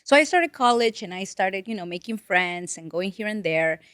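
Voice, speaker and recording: At a normal speed and in a mid-range voice, this Peruvian woman in her late twenties, a native Spanish speaker, tells her story as a guest financial advisor. The interview talk is casual, and her storytelling is earnest and animated, with restarts. The recording is studio quality, free of room sound.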